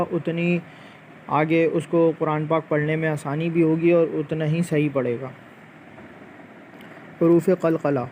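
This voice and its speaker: A man teaching Quran letter pronunciation, patiently explaining and repeating each letter slowly to demonstrate. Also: on the high side, darkish tone, a little hiss or hum. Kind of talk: slow spoken tajweed lesson with drawn-out letter demonstrations.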